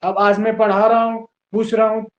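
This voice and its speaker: Male teacher, high voice, spells words out slowly, patient, roomy dull lo-fi classroom sound. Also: little pitch movement. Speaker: English teacher. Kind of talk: classroom lesson.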